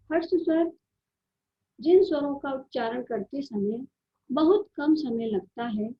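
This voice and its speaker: Slow high-voiced woman teaching grammar. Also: dull audio. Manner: slow, drawn-out explanation with repeated vowel sounds. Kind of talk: Hindi grammar lesson.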